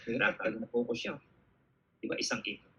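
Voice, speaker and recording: A man's voice: mid-range voice, quick pace, husky, rough recording. A man with a Filipino accent giving a motivational talk to an audience, telling stories with lots of energy and checking in with "okay?" as he goes. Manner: energetic, animated storytelling, frequent "okay?" check-ins. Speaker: business speaker answering audience questions.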